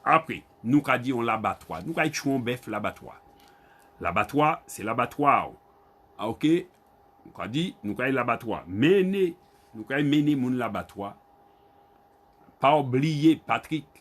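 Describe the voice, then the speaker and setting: In a lively, fairly bright mid-range voice, a man with a Guadeloupean Creole accent runs an online Creole lesson. Each word gets a slow repeat and a letter-by-letter spelling, and he calls students by name.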